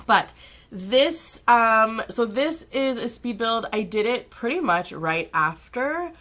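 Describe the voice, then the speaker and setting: Bright-voiced young woman, sick and chatty. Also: fairly high pitch, animated, takes it slowly. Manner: chatty, rambling, self-amused. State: sick, throat-clearing. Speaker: vlogger. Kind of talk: casual chat.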